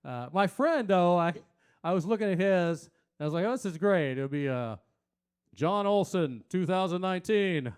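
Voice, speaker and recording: A man's voice: sits high, animated, brisk, clean tone. Crude rambling man doing stand-up. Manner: crude, rambling, talks to the crowd; puts on loud silly voices for quotes. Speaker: stand-up comedian. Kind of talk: stand-up comedy set. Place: small venue stage.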